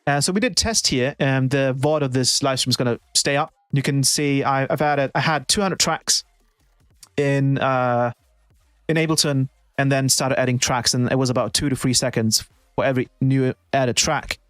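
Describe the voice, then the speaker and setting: A man's voice: mid-range voice, fairly even intonation, moderate pace, fairly bright tone, smooth, no room sound. A man who produces music, chatting casually on a live stream and thinking aloud with many restarts.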